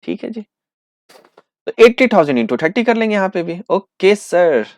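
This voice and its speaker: A man teaching accountancy in with terms, asking questions and answering them himself, slowing right down to dictate entries. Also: sits high, dry recording. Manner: lively, asks and answers his own questions, slows to dictate entries. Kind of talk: classroom lecture acting out students' replies.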